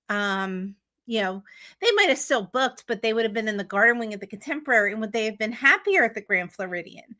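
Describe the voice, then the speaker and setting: A woman's voice: on the high side, bright, forceful tone. A woman teaching travel agents how to qualify clients, chatty and upbeat, often checking in with "okay?". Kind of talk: teaching talk to an audience.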